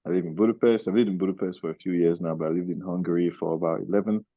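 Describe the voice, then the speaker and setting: A man's voice: low voice, steady tone, very fast, no echo, lo-fi sound. A man from Nigeria giving a brief, plain self-introduction at an online meeting. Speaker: meeting participant.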